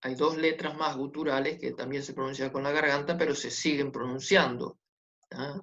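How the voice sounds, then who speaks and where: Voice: medium pitch, steady tone, moderate pace, fairly bright tone, highs cut off. A teacher giving a class, patient and repetitive, often checking that the students follow. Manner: patient, repetitive, checks understanding with tag questions. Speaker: Hebrew teacher. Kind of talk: online class lesson.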